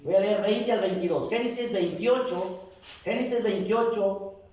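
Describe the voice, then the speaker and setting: High-voiced pastor, echoey hall. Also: male voice, a little slow, darkish tone, a little hiss or hum. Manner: preaching, asks the congregation questions and draws amens. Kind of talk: sermon. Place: church hall. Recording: echoey room, mic far off.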